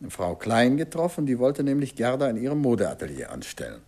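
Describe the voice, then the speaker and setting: Playing a courteous middle-aged detective in a 1950s German radio drama, a man probes persistently, soft-spoken and insistent, his voice husky and gravelly. The mid-range pitch swoops wildly and the pace is fairly quick, carrying an insistent, confronting feel.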